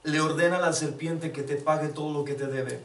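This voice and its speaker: A man, a pastor, preaching an emphatic sermon in a church hall, repeating phrases and rising to shouts while an interpreter follows. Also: fairly high pitch, fairly even intonation, a little fast. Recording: echoey room, mic far off.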